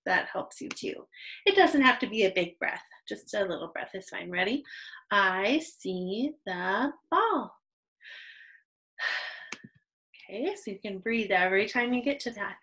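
A woman's voice: mid-range voice, lively intonation, fairly quick, fairly bright tone, rough recording. A young adult woman teaching an online reading lesson to young children, patient and encouraging, on a computer microphone.

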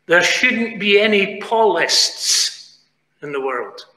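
A British man preaching a sermon in a chapel, pleading earnestly, moving from quiet asides to raised, emphatic lines. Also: high-pitched, lively intonation, slow pace. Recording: echoey chapel with long reverb.

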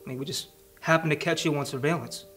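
A man's voice: on the high side, fairly even intonation, quick pace, fairly bright tone, faint music behind, natural voice. A man in his thirties acting as a tough, sardonic police detective, blunt and probing in a naturalistic interrogation scene. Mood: hard, accusing.

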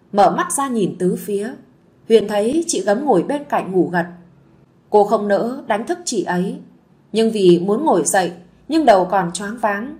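A woman narrating a village story in a gentle, soothing way. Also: mid-range voice.

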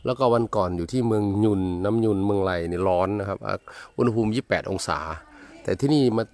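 Low-voiced polite man vlogging. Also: quick pace, darkish tone. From Thailand. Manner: polite, rambling, many hesitations. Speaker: travel vlogger. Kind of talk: casual travel vlog narration. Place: outdoors in a village.

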